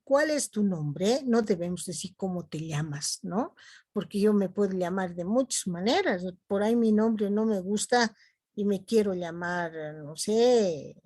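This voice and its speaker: A woman from Bolivia with a Bolivian Spanish accent, teaching punctuation in a recorded video class, explaining slowly with many "¿no?" tags and fillers. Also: mid-range voice, warm tone, no echo.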